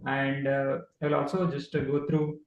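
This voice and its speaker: A man's voice: medium pitch, level tone, normal speed, roomy sound, muffled recording. A man presenting observations of his young child on a video call, speaking hesitantly with many fillers. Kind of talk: online talk presentation.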